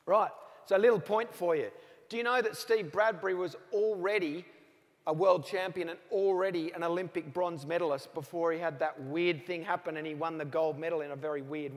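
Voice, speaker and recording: A motivational speaker in his forties with an Australian accent delivers a keynote to an audience in a large, reverberant hall. His voice is a little high and his pace normal as he tells stories, acting out both sides of phone calls he remembers.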